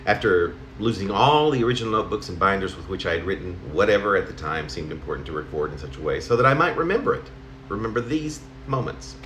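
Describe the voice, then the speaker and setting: In a very echoey room at home, a middle-aged or older man with a fairly low, fairly bright voice reads a poem of his own written as a personal letter. His animated delivery is halting and conversational, with pitch that roams widely, and faint noise lingers behind him.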